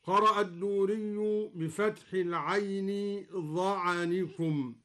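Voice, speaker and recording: A man with a high, lifted voice teaches Quran recitation variants over the radio. He moves at an unhurried pace, explaining each point and then chanting the verse in a drawn-out melodic way. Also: steady tone, fairly bright tone.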